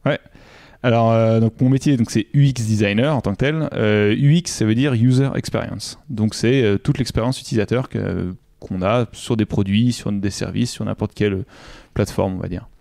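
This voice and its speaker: A young UX designer from Normandy, France, answers interview questions as a guest, sounding casual and hesitant with lots of fillers and restarts. His voice is on the low side, gravelly and dark, at a moderate pace. The studio-quality recording has no echo.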